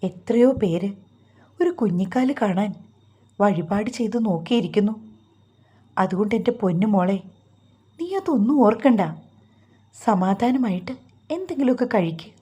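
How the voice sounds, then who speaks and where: Fussy, doting mother-in-law in a storybook reading, put on by a woman narrator; mellow, warmly pitched up. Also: expressive, moderate pace, long pauses, breathy edge. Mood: tender. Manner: emotional, doting, high and urgent. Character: loving, fussy middle-aged mother-in-law.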